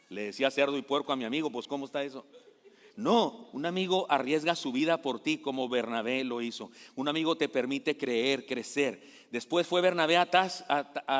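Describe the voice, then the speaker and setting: A male pastor preaching a sermon in a lively, conversational way, often asking his listeners questions. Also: on the high side. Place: church sanctuary. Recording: echoey church hall.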